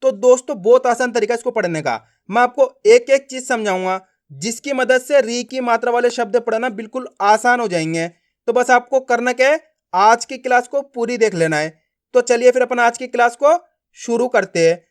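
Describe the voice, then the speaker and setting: A man teaching beginners to read, speaking with friendly classroom prompts and slow, drawn-out syllables. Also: extremely high pitch. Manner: slow drilled pronunciation, repeated prompts to learners. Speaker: Hindi reading teacher. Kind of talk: classroom-style lesson.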